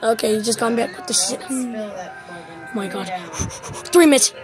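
A woman's voice: medium pitch, a little slow, loud music behind the voice. A woman hosting a casual home video while watching a New Year countdown, giddy, laughing and counting down aloud. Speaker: channel host.

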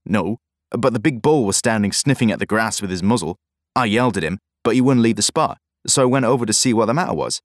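A man voicing an excited, frightened young farm boy in an audiobook, eager and breathless. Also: normal speed, no echo, clean studio sound, lightly acted. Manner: breathless, eager, high-pitched. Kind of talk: audiobook character voice.

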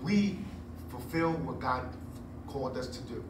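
A man in his forties preaching a sermon on a church stage into a handheld mic, chatty and animated with joking asides. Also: medium pitch, measured pace, far from the mic. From Puerto Rico heritage. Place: church stage with curtain backdrop. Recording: echoey room, recorded from afar, noisy.

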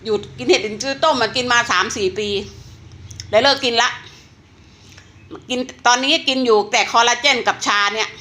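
Bright-voiced Thai woman in her sixties. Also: on the high side, normal speed, pauses often. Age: 60s. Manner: chatty, persuasive, talks straight to viewers. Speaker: online seller. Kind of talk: casual live-selling chat.

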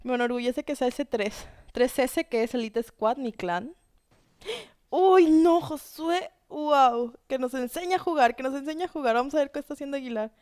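A young woman commentating a live video game tournament, excitable and talking straight to the viewers. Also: sits high, a little fast, few pauses, clear, resonant tone, dry recording, clean studio sound.

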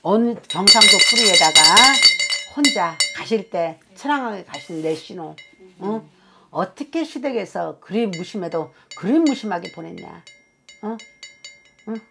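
A woman's voice: mid-range voice, animated, unhurried, creaky, over loud music. A woman fortune-teller giving a reading to clients, talking emphatically and scolding, often tagging her phrases with a questioning "eh?". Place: fortune-teller's consultation room.

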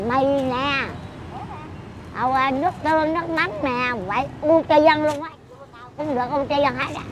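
A woman's voice: high-pitched, background noise. A woman in her eighties chatting casually outdoors, blunt and teasing as she scolds the person she talks with. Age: 80s. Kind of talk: casual chat.

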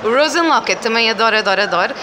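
Speaking very fast with lively intonation, a woman in her twenties with a European Portuguese accent, a game publisher community manager, gushes enthusiastically through a casual interview, repeating herself for emphasis. Her voice is a little high. She's by a booth wall at an indoor festival, with a crowd and loud floor noise behind her.

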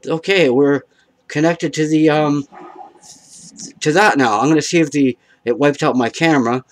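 A man's voice: a little high, moderate pace, poor audio. Hesitant man talking through a home setup. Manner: hesitant, many fillers and restarts. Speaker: host of a home tech show. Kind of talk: casual step-by-step demonstration. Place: dim room at home, indoors.

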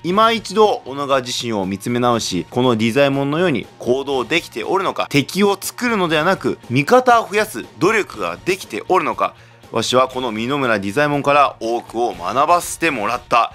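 A man's voice: medium pitch, sing-song, moderate pace, a bit bright, faint music behind. A man explaining history as a channel host in the persona of a samurai warlord, with archaic wording and emphatic, theatrical delivery.

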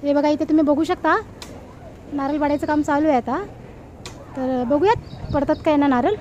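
A woman's voice: high voice, steady tone, moderate pace, dull audio, noisy background. A woman with an Agri Marathi accent, from near Thane, vlogging outdoors in a village yard and coaxing a toddler in a sing-song voice. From Bhiwandi area near Thane, India. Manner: sing-song and coaxing when talking to the child. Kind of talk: casual vlog narration while minding a toddler. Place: outdoors in a village yard under a coconut tree.

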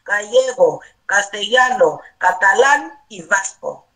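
A woman's voice: mid-range voice, expressive, slow, a bit bright, low-quality recording. A woman as a guest in an online debate, arguing her point with pointed questions. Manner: questioning, argumentative. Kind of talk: casual debate.

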